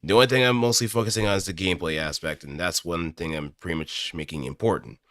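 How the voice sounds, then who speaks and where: A man with a deep, fairly bright voice talks fast and casually to viewers, musing in a halting, wandering way. He's an aspiring amateur voice actor, recorded on a close studio microphone with no room sound.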